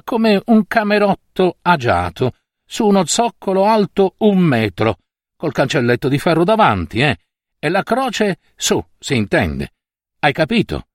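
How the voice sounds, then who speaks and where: A scornful old landowner barks orders and mocks his listener, as a male reader puts him on. The voice rises and falls in lively swings, recorded dry and close for a storybook reading. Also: fairly high pitch, no room sound, exaggerated voice. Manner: mocking, commanding, brusque.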